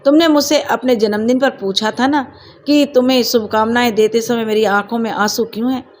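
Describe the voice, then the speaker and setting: A stern school principal in a spoken storybook, as the woman narrator puts her on, pitched noticeably higher than the narration. She talks in firm, reproachful sentences, and a faint hiss of ambience sits under the voice. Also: steady tone, fairly quick, darkish tone, lightly acted. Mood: gentle, confiding.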